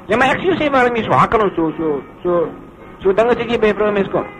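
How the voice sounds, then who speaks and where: A man's voice: high voice, expressive, fast talker, a bit bright, soft background music, poor audio. An actor playing a jovial farmer who teases and coaxes his shy friend, in a 1950s film. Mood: teasing.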